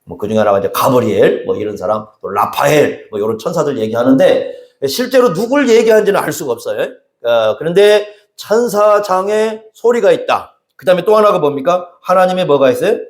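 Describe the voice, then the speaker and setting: A pastor preaching to his congregation, his fairly high voice rising and falling a great deal as he fires questions and answers them himself. The sound is roomy, with the echo of a church hall around him. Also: animated, brisk, hardly any pauses. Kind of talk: expository sermon. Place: church sanctuary.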